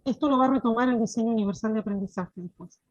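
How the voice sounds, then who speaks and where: A woman's voice: fairly high pitch, racing, no room sound, highs cut off. A woman giving an online teacher-training lecture, often asking "¿sí?" to check that her listeners follow. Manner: explanatory, frequent checking "¿sí?". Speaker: course instructor.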